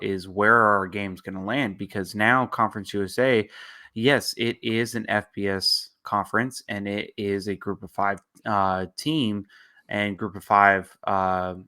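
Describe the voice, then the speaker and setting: Man, low voice, bright forceful tone, casual podcast co-host, rambly, self-correcting. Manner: rambling, loses his thread and apologizes. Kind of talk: casual sports podcast chat.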